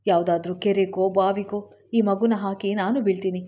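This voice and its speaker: A woman's voice: medium pitch, level tone, normal speed, dark tone, natural voice. A woman voicing an angry, betrayed young wife who accuses her husband in a raised voice. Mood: accusing.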